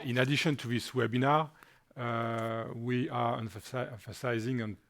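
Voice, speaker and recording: A man answering a question in a webinar, measured and pausing often with fillers. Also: mid-range voice. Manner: measured, frequent filler pauses. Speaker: panelist.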